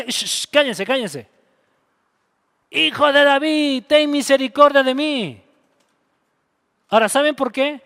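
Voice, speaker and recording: A man preaches with lively animation, slipping into the voices of the people in his story. His voice sits unusually high for a man. A long church-hall reverb trails each phrase. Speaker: pastor. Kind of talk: sermon. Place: church sanctuary.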